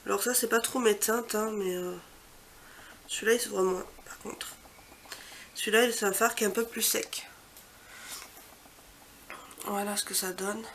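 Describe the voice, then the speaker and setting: A woman vlogger chatting casually through a makeup swatch walkthrough. She gushes with repeated superlatives and trails off into soft, quiet asides. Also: on the high side, a little hiss or hum. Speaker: beauty vlogger.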